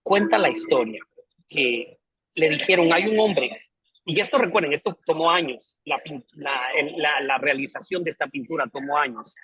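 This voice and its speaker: A man teaching a theology lesson as pastor, with a husky, somewhat high voice. He tells his story in an earnest, emphatic, preacherly way, and the sound is close and dry with no room echo. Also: moderate pace, pushed and bright.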